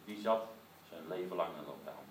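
Lively male preacher in an echoey room. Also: low-pitched, a little fast. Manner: lively storytelling with many rhetorical asides. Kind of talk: sermon with prayer for listeners at home. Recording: roomy echo, distant mic, faint noise.

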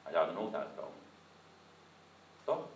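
A man with a fairly low voice preaches, telling his story lively and tossing in frequent rhetorical asides. He is recorded from some distance in a roomy space with echo and faint background noise. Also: measured pace. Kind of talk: sermon with prayer for listeners at home.

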